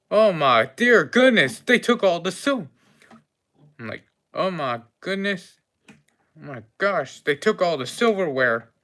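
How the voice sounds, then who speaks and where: A man's voice: mid-range voice, fairly bright tone. A man voicing a polite, fussy cafe owner in a tabletop game, telling a long-winded story with gasps and exclamations. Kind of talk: role-play voice in a tabletop game.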